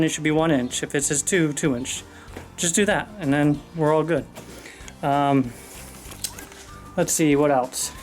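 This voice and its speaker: A man giving a casual, rambling mower review outdoors, out of breath and talking with many fillers. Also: on the high side. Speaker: lawn care video host. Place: outdoors on a lawn.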